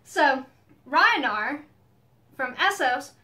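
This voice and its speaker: A woman with a notably high voice walks through a story's history in an easy, playful way. Her tone is bright and clear, and she laughs often as she goes. She sounds like a relaxed co-host in casual conversation. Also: drawn-out words. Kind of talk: casual chat.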